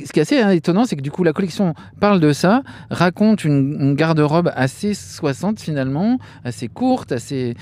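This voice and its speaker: Chatty Frenchman enthusing about fashion. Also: on the high side. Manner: lively and chatty, many fillers and restarts. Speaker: podcast co-host. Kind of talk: casual chat about fashion shows.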